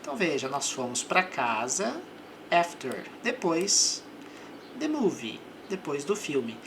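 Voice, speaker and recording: Woman, English teacher, unhurried, lively intonation, faint room hum. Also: deep voice. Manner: patient, repeats each word and example. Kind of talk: slow, methodical vocabulary lesson.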